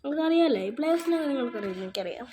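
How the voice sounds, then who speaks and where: A woman's voice: high voice, lively intonation, rapid-fire, mellow, a little hiss or hum. A woman chatting casually in a show-and-tell vlog, reading names off her cards one by one. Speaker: vlogger showing her card collection.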